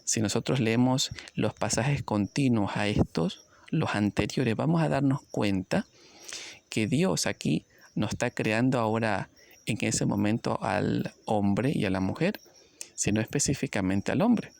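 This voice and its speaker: A man teaching a Bible study lesson, explaining passages step by step, often checking in with his listeners and reading verses aloud slowly. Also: medium pitch, animated, vocal fry, a little mellow, no echo. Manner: reads scripture aloud slowly.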